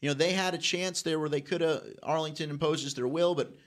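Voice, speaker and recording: A man giving emphatic, opinionated high school football analysis in a studio. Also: steady tone, brisk. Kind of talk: sports analysis.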